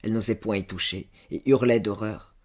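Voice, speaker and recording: A man narrating a classic story as an audiobook, measured and subdued. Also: on the low side, steady tone, darkish tone. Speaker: audiobook reader.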